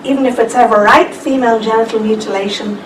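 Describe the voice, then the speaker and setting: A woman gives a lively seminar presentation, turning to the audience with asides now and then. Her voice sits a bit high. The recording is roomy and distant, with steady noise behind her. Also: quick pace. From Ireland. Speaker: conference speaker. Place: lecture room. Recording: echoey room, distant mic, background noise.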